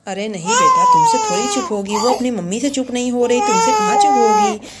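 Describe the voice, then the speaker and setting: A woman's voice: sits high, very animated, a little fast, heavy background noise, voice pushed up. A woman voicing a firm, scolding elder sister-in-law in a village doll story.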